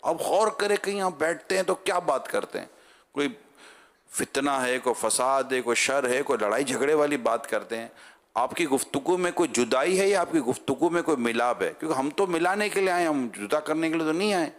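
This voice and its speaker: A male preacher in full sermon mode, his voice sitting a little higher than most men's. He talks lively and rhetorically, throwing questions at the crowd. He often breaks into loud chanted slogans for the audience to repeat. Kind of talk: religious sermon to a gathering.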